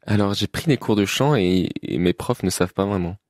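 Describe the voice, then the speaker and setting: Young musician guest in his twenties, deep and gravelly, loose and unhurried with fillers. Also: no echo, studio quality. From Belgium. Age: 20s. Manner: relaxed, hesitant, with fillers and laughs. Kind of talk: casual interview chat.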